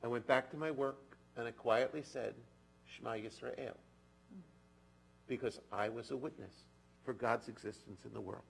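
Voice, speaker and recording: A man giving a sermon in a synagogue, telling a story slowly and earnestly, often dropping to a soft, intimate tone. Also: mid-range voice, creaky, slight background noise, poor audio. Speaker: clergy. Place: synagogue sanctuary.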